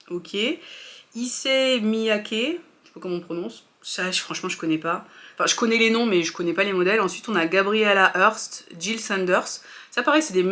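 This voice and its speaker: A woman's voice: mid-range voice, a bit bright. Chatty French woman vlogger. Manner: chatty, hesitant, many fillers and restarts. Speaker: fashion vlogger. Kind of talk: casual opinion chat to viewers.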